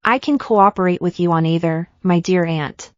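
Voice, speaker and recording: A woman voicing a sweet-voiced, scheming young woman in a storybook drama, with a clear, sweet voice. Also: on the low side, moderate pace, no room sound, highs cut off, lightly acted. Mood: sweetly calculating.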